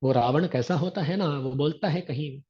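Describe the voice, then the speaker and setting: A man's voice: a little high, normal speed, mellow, husky, dull audio. A male religious teacher giving a scripture discourse, chanting Sanskrit verses and then explaining them line by line.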